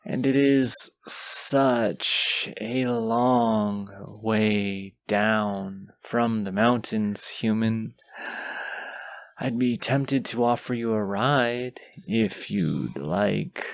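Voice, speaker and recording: In a fantasy audio roleplay, a man voices a wounded dragon who is proud and condescending, choosing his words in a pompous, deliberate way. His lowish, exaggerated voice carries vocal fry with no echo, and the mood is sly and coaxing.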